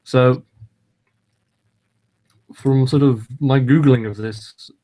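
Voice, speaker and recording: Male podcast host, mid-pitched, meandering delivery full of ums and restarts. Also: fairly even intonation, slow pace, mellow. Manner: rambling, hesitant, lots of ums and restarts. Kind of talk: casual chat.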